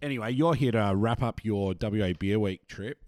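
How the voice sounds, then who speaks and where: A man with an Australian accent and a low, relaxed voice. He co-hosts a podcast in casual conversation, recorded dry without room echo. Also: moderate pace. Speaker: podcast co-host. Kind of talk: casual chat. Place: at a kitchen table indoors.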